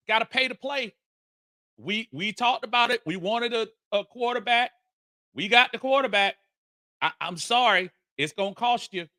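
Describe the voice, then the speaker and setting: A man hosting a live sports talk stream, energetic and folksy as he greets his viewers. His voice sits high and rings very bright and forceful. The sound is dry and close, with no room echo. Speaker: sports talk show host.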